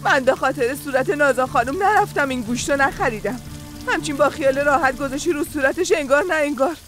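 A bossy grandmother scolds the children and her sister-in-law in a high, sharp voice, as a woman dubs her. Soft music sits under the dubbed dialogue. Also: lightly acted. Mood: scolding. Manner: scolding, shrill when angry. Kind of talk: Persian dub of a TV series.

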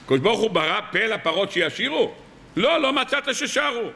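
A man's voice: sits high, gravelly. A man preaching as a rabbi, telling stories and firing rhetorical questions at his listeners. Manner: lively storytelling with rhetorical questions. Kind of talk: weekly sermon.

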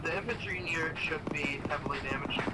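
A man's voice: on the high side, brisk. A man playing in a military game squad, trading casual, sweary tactical banter over voice chat. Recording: very noisy game voice chat, engine noise. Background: loud vehicle and game ambience.

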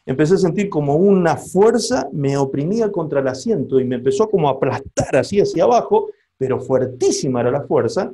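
A man, a pastor telling a story to a seminar audience as part of a sermon. He talks in an animated way and asks the listeners questions. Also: high-pitched.

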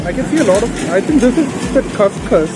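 High-pitched Indian man delighting in a tasting. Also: expressive, quick pace, music in the background. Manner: delighted, appreciative tasting remarks. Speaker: food vlogger giving a review. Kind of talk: casual tasting chat. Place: outdoor street food stall. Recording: very noisy street with passing traffic.

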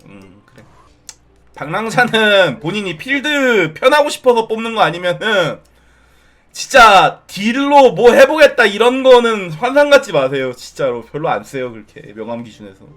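A man's voice: high voice, moderate pace. A man streaming casual commentary on a viewer's game account, teasing, ranting in exasperation and addressing his viewers directly. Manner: animated, exasperated rants with mild swearing.

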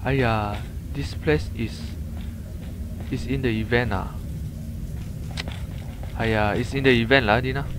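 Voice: mid-range voice, steady tone, slow, pauses often. A gamer with a Malaysian accent chatting casually with a co-player, in colloquial English sprinkled with lah and Malay words. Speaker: gamer, host of gameplay video. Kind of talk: casual gameplay chat with a co-player. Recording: clear game noise behind. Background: video game ambience and sound effects.

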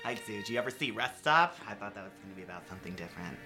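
A young man co-hosting a casual horror film chat in a campy, gushing, animated way. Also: on the low side, very fast. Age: young adult. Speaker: co-host. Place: indoor horror-themed studio set. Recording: music behind the voice.

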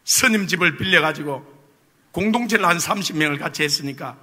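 A man's voice: on the high side, a little fast, sharp tone, slightly rough. A male pastor preaching a sermon, telling a personal story with humor and tossing rhetorical questions to the congregation. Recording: long reverb of a church hall.

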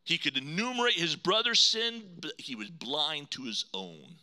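A man preaching a sermon as pastor, dramatic, swinging between loud emphasis and hushed low lines. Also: huge pitch swings, normal speed.

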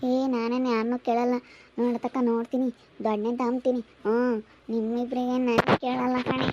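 A woman acts out a quarrelsome middle-aged village aunt in a home-made drama. She scolds and accuses in a high, flat voice. The recording is slightly dull and lo-fi. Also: fairly quick, slight background noise, close to an everyday voice. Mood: scolding.

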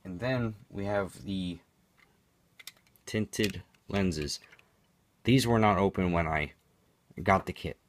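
Low-voiced man giving a product review. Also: slow pace, pauses often, a little hiss or hum. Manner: matter-of-fact, explanatory. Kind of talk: unscripted product demonstration commentary.

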